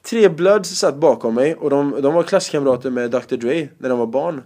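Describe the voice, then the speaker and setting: Laughing comedian telling stories. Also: male voice, mid-range voice. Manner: lively anecdotes, often laughing. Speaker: stand-up comedian, guest. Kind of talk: casual interview chat.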